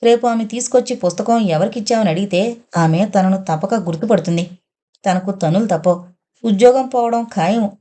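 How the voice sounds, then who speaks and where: A woman's voice: medium pitch, moderate pace, warm tone, close to an everyday voice. A woman voicing a male household servant who talks humbly and fearfully. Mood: fearful muttering. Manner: humble, muttering to himself.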